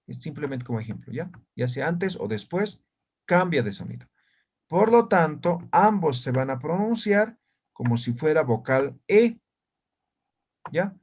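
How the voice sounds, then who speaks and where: A man's voice: on the high side, sing-song, a little slow, a little mellow, breathy edge. A man teaching an online language lesson, explaining step by step and often checking understanding with short tag questions.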